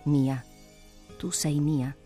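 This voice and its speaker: A proud male pirate chief, put on by a reader, passionate and declaiming with fervour in a dramatic storybook reading. The voice is dark and mellow and keeps rising higher and louder. Faint music plays behind it. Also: normal speed, lightly acted. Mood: ardent. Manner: fervent declaiming. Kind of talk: dramatic reading of an adventure novel.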